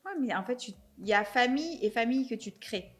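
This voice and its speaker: A young adult woman from France, hosting a podcast in relaxed, talkative conversation with a guest. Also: fairly high pitch, fast talker, soft background music. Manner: chatty, self-described chatterbox. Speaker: podcast host. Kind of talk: casual chat.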